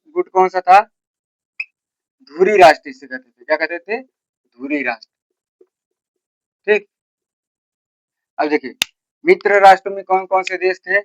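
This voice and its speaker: A man teaching a school history class. He asks his students questions and answers them himself, and he repeats the key terms slowly. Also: sits high, no room sound, dull audio. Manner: repeats key terms slowly, with a filler word after each point. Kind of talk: classroom lecture.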